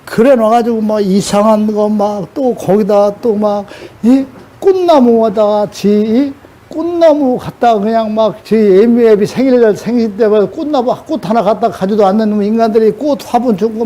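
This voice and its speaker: A man's voice: high voice, normal speed, warm tone. An older man preaching a sermon in a scolding way, throwing rhetorical questions at his audience.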